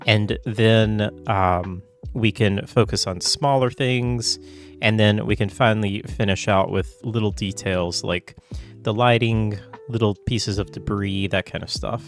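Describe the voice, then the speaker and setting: Low-voiced man with a lingering cold. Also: fairly even intonation, a little slow, soft background music. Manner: loose, chatty, many fillers and self-corrections. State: getting over a cold, coughing now and then. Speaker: tutorial host. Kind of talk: casual screen-recorded software tutorial.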